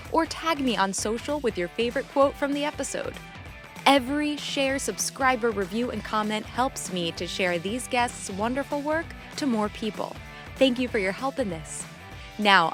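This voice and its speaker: A woman's voice: medium pitch, no room sound. Podcast host, woman, upbeat and eager, dry close sound.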